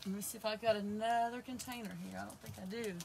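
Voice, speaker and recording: A craft channel host in her fifties chats with viewers during a live crafting stream, greeting them as she works with her hands on a project in an indoor craft room with shelves. Her hoarse voice is medium in pitch, steady, quick, and darkish in tone. The camera faces her across the table, and there's a little hiss or hum.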